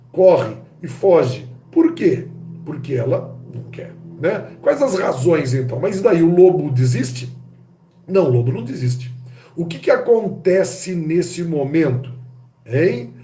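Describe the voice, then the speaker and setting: A male teacher with a Brazilian Portuguese accent lectures in a lively, theatrical manner and keeps asking his listeners rhetorical questions. His voice sits somewhat high yet sounds mellow and warm. The room around him rings with echo. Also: measured pace, soft background music. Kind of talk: classroom-style lecture.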